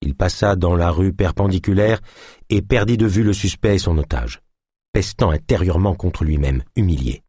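A man narrating a thriller novel as an audiobook in a steady, measured reading. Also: low voice, husky, no echo, clean studio sound.

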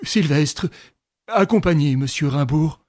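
A man's voice: a little high, lively intonation, slow, a little mellow, no room sound, studio quality. A man reading aloud and voicing an old army general who presses his case with emphatic, raised delivery. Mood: grudging. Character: old male army general, insistent and proud.

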